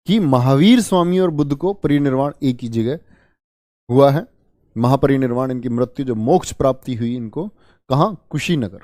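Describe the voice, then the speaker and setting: A man's voice: mid-range voice, warm tone, no room sound, clean studio sound. Man teaching an online history class. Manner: repeats key terms and quizzes students; addresses students as children.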